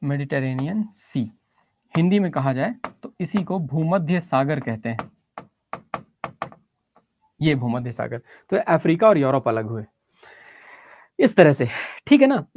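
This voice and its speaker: A woman's voice: deep voice, a little mellow, dry recording. A woman teacher giving a geography lesson, explaining step by step, checking in with her students and mixing English phrases into her Hindi.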